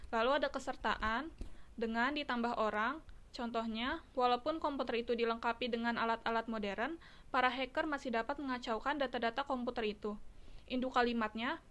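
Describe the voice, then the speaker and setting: Brief: woman student presenter, slightly high voice, steady list-like reading.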